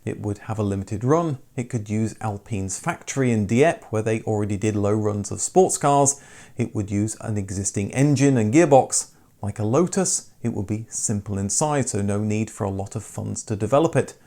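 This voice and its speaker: A man's voice: fairly low pitch, normal speed, dark tone. A man presenting a scripted documentary as its narrator.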